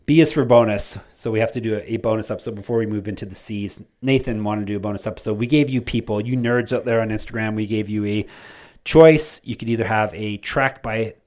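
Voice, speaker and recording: A man's voice: on the low side, quick pace, a little mellow. Playful middle-aged man hosting a podcast. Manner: playful, joking, self-teasing. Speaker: podcast host. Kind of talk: casual podcast chat.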